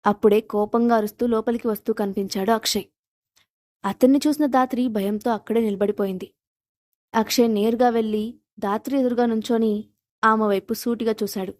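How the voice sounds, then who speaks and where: A woman narrates a scripted audio story in a steady, dramatic reading. Her voice sits slightly high. The recording is dry and close, with no room sound. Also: brisk, no echo.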